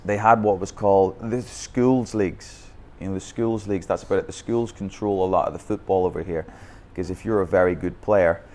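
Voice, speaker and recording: His voice is low-pitched and a little mellow as this youth football academy founder from Northern Ireland recounts his coaching story for a podcast interview in Bangkok. He speaks with a Northern Irish accent, candidly, and restarts often.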